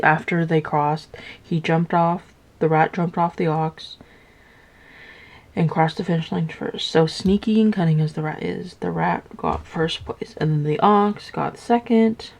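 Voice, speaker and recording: A young woman casually retelling a story while building Legos, rambling with lots of filler words and high, playful voices for the characters. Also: steady tone, takes it slowly, creaky. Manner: rambling, filler-heavy, with "like" everywhere. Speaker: vlogger.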